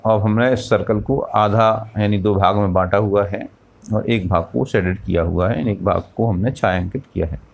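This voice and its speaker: A man's voice: on the low side, fairly even intonation, normal speed, gravelly. A man teaching a math lesson, explaining step by step, asking questions and answering them himself, and counting out parts aloud.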